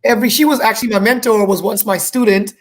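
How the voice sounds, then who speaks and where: A woman's voice: on the high side, steady tone, quick pace. A woman from Guyana, a fitness instructor, chatting in an upbeat casual interview over a video call and circling back to repeat her points. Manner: upbeat, repeats herself while explaining.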